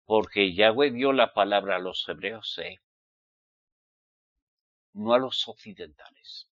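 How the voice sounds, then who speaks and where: With a lowish, slightly bright voice and a slow delivery, this Spanish-accented man from the Basque Country preaches a fiery sermon. He admonishes his listeners forcefully and keeps asking them rhetorical questions. The audio has no echo but is missing its highs.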